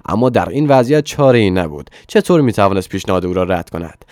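A man narrating a novel in a steady, even storytelling voice. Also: sits low, no room sound, studio quality. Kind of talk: scripted audiobook narration.

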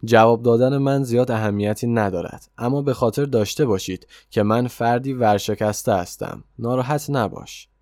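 A man's voice: mid-range voice, hardly any pauses, a little mellow, dry recording, studio quality, close to an everyday voice. A man reading the part of a hesitant, bewildered young man who has gone broke, in an audiobook story. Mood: unsure. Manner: hesitant and unsure.

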